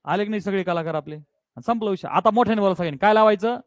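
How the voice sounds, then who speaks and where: Male physics teacher, high voice, energetic and coaxing with his class, dry sound. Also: rapid-fire, no echo. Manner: energetic, coaxing, keeps checking students understand. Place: classroom with students.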